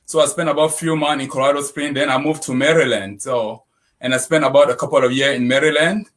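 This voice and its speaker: A man's voice: medium pitch, quick pace. Cameroonian man chatting easily. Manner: relaxed, frequent "you know", "right". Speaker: guest. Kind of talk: casual interview chat.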